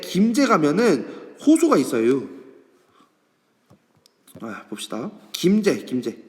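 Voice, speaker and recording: A male high school teacher gives an online history lesson, asking students questions and answering them himself. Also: in a large hall. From Korea. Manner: acts out students' questions in a higher voice. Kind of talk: online class lecture to students. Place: classroom or office, recording an online lesson.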